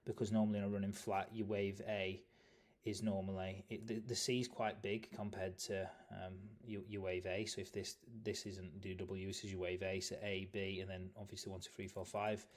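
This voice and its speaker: A man with a lowish, brisk voice and little pitch movement gives loose, meandering chart commentary for a market video. He keeps saying "obviously," corrects himself along the way, and sounds tired, yawning at times.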